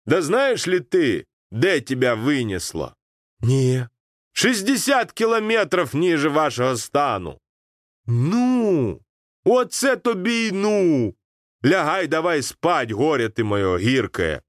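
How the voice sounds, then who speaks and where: A man voicing a gruff, jovial older boat skipper with a Ukrainian accent, scolding warmly. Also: on the high side, sing-song, slow pace, dry recording, clean studio sound, pitched above the performer's own voice.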